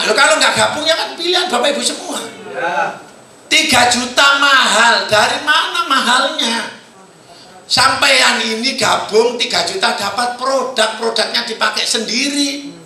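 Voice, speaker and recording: A man with an East Javanese accent giving a motivational sales seminar in a hotel hall, quizzing the audience and bursting into shouts. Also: very high voice. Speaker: seminar presenter. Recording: very echoey hall.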